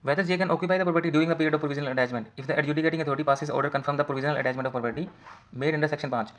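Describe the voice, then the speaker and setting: A man's voice: fairly high pitch, steady tone. A man teaching an exam case study, talking directly to students as he works through answers. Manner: rapid, talks to students directly in mixed Hindi and English.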